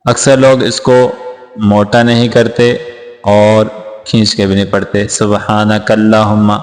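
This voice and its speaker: Male recitation teacher, low flat voice, long reverb, explains then chants. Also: soft background music. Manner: explains slowly, then chants Arabic phrases drawn out. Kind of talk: prayer recitation lesson.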